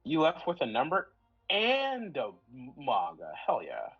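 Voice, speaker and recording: A man narrating as game master in a casual tabletop role-play, with many fillers and quick character voices. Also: medium pitch, huge pitch swings, breathy edge, dull audio, soft background music.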